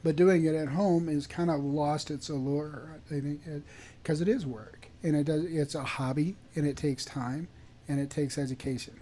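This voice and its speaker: A woman co-hosting a radio talk show, chatting in a soft-spoken way. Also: sits low, steady tone, normal speed. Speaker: radio co-host.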